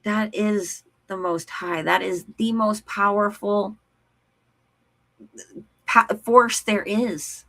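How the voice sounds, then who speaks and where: A woman's voice: mid-range voice, fairly even intonation, slow, pauses often, sharp tone. A woman co-hosting a live stream, chatting casually with a Valley-girl lilt and lots of "like". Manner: chatty, laughs often, says "like" a lot. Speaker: co-host of a live stream show.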